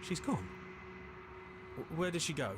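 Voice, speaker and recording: An actor playing an earnest, fearful and hesitant heroic inner voice in a dramatic game. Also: male voice, fairly high pitch, big pitch swings, unhurried, crowd noise. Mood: anxious, questioning. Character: heroic male inner voice, anxious and pleading. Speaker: game character.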